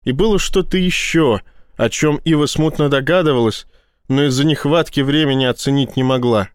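A man reading a tense science fiction audiobook in a steady storytelling voice. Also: medium pitch, normal speed, clear, resonant tone, no room sound, studio quality. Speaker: audiobook narrator. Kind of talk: scripted narration.

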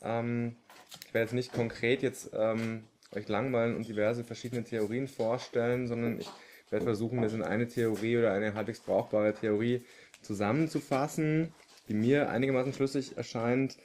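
A man from the Upper Palatinate giving a public lecture, pausing often with filler sounds. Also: mid-range voice, fairly even intonation, darkish tone, a little hiss or hum. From Upper Palatinate, Germany. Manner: hesitant, many filler sounds.

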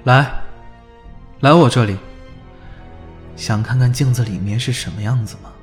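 A man playing an uncanny young male shadow double in an audiobook drama, speaking in a low, intimate, coaxing way. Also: a little slow, faint music behind, natural voice. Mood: soft, coaxing.

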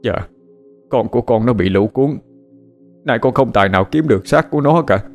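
A man's voice: medium pitch, lively intonation, a little fast, faint music behind, natural voice. A man voicing a grieving father who pleads in a choked, sobbing voice. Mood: pleading.

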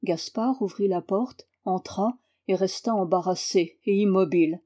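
A woman reading a classic novel aloud in calm, even narration. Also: mid-range voice, a little slow. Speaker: audiobook reader. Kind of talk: scripted narration.

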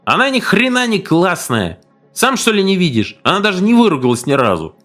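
A man voicing a rowdy gang of crude young thugs who yell coarse insults at each other. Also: high voice, sing-song, fairly quick, faint music behind, voice pushed up. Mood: jeering.

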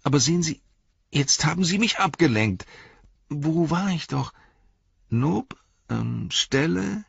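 A man's voice: a little high, lively intonation, slow pace, gravelly, long pauses, slightly rough, no room sound, voice pushed up, heavily acted. A man putting on a flustered, fussy innkeeper. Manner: fussy, rambling, anxious. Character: flustered chatty middle-aged male innkeeper. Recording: dull lo-fi recording.

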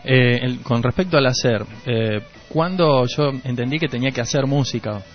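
An Argentine musician and producer with a Rioplatense accent is interviewed as a radio guest, speaking reflectively and earnestly at a moderate pace in a medium-pitched voice. He rephrases and repeats things for emphasis. The recording is dull lo-fi radio with faint music behind.

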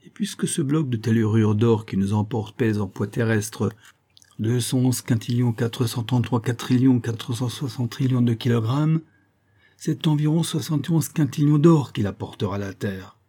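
A man's voice: mid-range voice, normal speed, mellow, natural voice. A man voicing a cantankerous, proud old astronomer professor who lectures precisely, stressing each syllable. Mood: lecturing.

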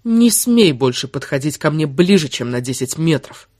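A woman's voice: medium pitch, big pitch swings, fairly quick, husky, no echo, studio quality, voice pushed up. A woman voicing a furious, sarcastic young woman who hurls insults in an audiobook. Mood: bitter. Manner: shouting insults, biting sarcasm.

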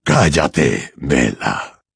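A man voicing a cold, cruel male dark lord wizard in an audiobook, talking slowly and with contempt. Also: very deep voice, wildly swooping pitch, creaky, breathy edge, no echo, clean studio sound, voice pushed down, heavily acted. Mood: cold menace. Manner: slow, menacing, contemptuous. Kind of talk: audiobook character voice.

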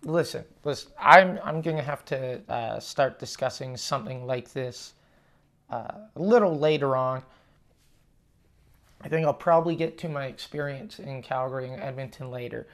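A man hosting a casual solo podcast, rambling and halting with frequent swearing, recorded on a lav mic in an echoey room. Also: mid-range voice. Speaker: podcast host and touring stand-up comedian. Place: condo room, indoors. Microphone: lavalier plugged into portable recorder.

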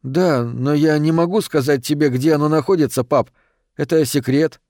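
A man reading an audiobook, voicing an eager, trusting young boy in a raised, boyish pitch. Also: moderate pace, darkish tone, dry recording, clean studio sound, lightly acted. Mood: pleading.

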